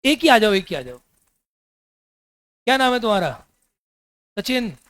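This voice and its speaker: A man's voice: high voice, sing-song, a little slow, fairly bright tone, clear, resonant tone, no room sound. A man teaching a class, keeps asking his students to repeat answers, teases them and jokes as he explains. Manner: quizzes the class with repeated questions, teasing and joking. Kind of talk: classroom lecture.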